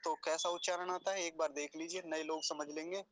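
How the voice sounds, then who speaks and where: A man with a high voice gives a pronunciation lesson. He explains each sound step by step and repeats syllables slowly and deliberately, with a patient, teacherly manner. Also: level tone, fairly bright tone, no room sound.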